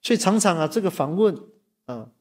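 A male preacher tells a church story in a husky, fairly high voice. His pitch leaps and falls constantly. He adds a chatty "ha" to his sentences. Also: fairly quick. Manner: animated, tags sentences with "ha", acts out quotes. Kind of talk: sermon storytelling.

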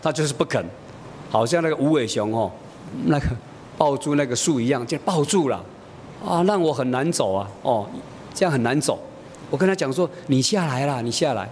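A man's voice: expressive, fairly quick, a little mellow. A middle-aged man preaching a sermon, telling a family story in a homely way and acting out the dialogue. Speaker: pastor. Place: church. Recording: reverberant church hall, faint rumble.

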